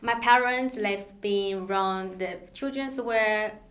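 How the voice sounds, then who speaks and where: A woman's voice: medium pitch, fairly bright tone. Woman in an echoey room. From Taiwan. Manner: measured, halting non-native phrasing with fillers. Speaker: startup co-founder, guest. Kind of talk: interview conversation.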